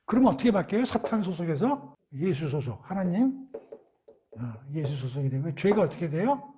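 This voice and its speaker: A man's voice: on the high side, sing-song, moderate pace, warm tone, husky. A man giving a Bible study lecture, asking rhetorical questions and answering them himself in a conversational way. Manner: conversational, acts out quotes.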